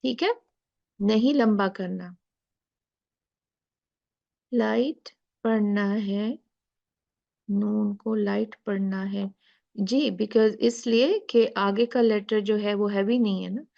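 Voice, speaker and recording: A woman teaching Quran recitation rules in an online lesson, patiently repeating words slowly and switching between drawn-out recitation and quick explanation, with a sore throat. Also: mid-range voice, fairly even intonation, creaky, mellow, dull audio.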